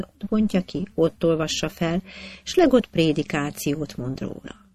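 Storyteller reading old anecdotes, steady measured cadence, dry close mic. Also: mid-range voice, dry recording. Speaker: narrator. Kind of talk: reading historical anecdotes aloud.

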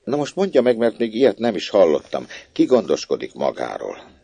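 A man voicing a kindly young gentleman who gently questions a little girl, in a story reading. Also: lowish voice, huge pitch swings, slightly rough, dry recording, pitched above the performer's own voice, exaggerated voice. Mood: curious.

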